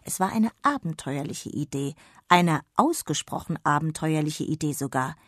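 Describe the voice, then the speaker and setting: A woman gently reading a children's radio story aloud. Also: low-pitched, expressive, moderate pace, no echo, clean studio sound. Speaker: narrator.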